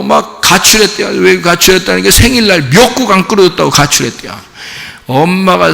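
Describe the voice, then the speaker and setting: A man preaches a sermon in a church, his voice high, bright and gravelly, swinging widely in pitch as he fires questions at the congregation. The sanctuary leaves a long reverb trail behind every phrase. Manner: animated, rhetorical questions to the congregation, acts out quoted voices. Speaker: pastor.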